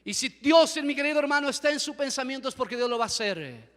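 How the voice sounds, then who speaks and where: A man with an Ecuadorian Spanish accent preaching a fervent sermon in a church, telling dramatic stories and building to shouts. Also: very high-pitched, expressive, fast talker. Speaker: pastor. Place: church hall. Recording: echoey church hall.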